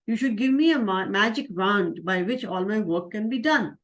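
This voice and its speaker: A woman's voice: mid-range voice, moderate pace, natural voice. A woman voicing a lazy, whiny young village boy in a children's story.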